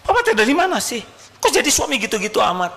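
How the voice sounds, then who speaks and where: A man voicing a nagging wife who scolds her husband, in a shrill complaining tone. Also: wildly swooping pitch, quick pace, bright, forceful tone, exaggerated voice. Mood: scolding.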